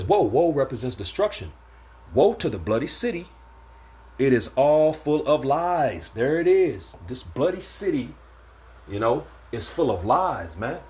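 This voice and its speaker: Man, casual scripture teacher, loose and rambling, fills pauses with "uh" and "man", mid-pitched voice. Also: a little mellow. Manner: laid-back, stumbling, many fillers and "man". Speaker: religious teacher. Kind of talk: informal scripture lesson.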